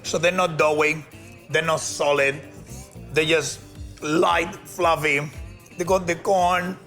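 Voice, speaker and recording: A man, a TV chef, giving a lively cooking demonstration and talking through each step. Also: a little high, takes it slowly. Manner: upbeat, animated, talks through each step. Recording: music playing behind.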